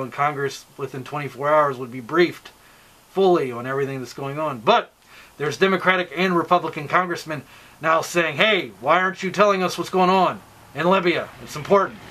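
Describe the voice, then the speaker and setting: A man's voice: on the high side, sharp tone. An American man giving informal political commentary straight to online viewers, insistent and explanatory, posing rhetorical questions.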